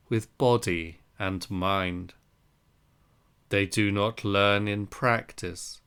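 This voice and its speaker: A man reading a translated Buddhist scripture aloud in measured, deliberate phrases. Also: on the low side, fairly bright tone, clear, resonant tone. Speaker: reader of a Zen Buddhist text.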